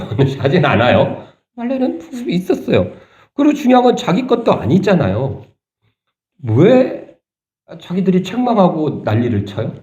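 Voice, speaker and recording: A man preaching a sermon as pastor, talking conversationally and asking the congregation rhetorical questions, turning animated and indignant at points. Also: mid-range voice, reverberant, muffled recording. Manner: animated, rising sharply when voicing indignation. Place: church sanctuary.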